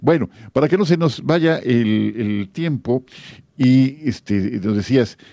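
A man's voice: mid-range voice, takes it slowly, no room sound, studio quality. A man with a Mexican accent hosting a live faith radio call-in show, speaking in a friendly pastoral way with many fillers. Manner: warm pastoral tone, frequent fillers. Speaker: radio host.

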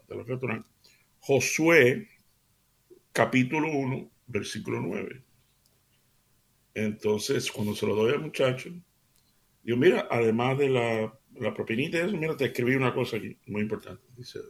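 Gravelly man telling a radio anecdote. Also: medium pitch. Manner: chatty anecdotal, addresses listeners warmly as family. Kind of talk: casual radio storytelling.

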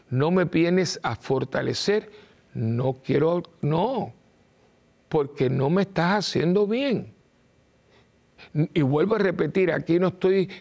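Gravelly priest preaching. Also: male voice, fairly high pitch, darkish tone. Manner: emphatic, repeats short no's, acts out quoted voices. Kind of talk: informal preaching talk.

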